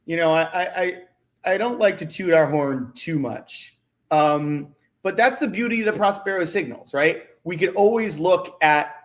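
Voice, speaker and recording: Man on a video call, higher voice. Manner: halting, repeats words, tags "right?". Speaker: stock market analyst. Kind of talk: casual livestream market chat.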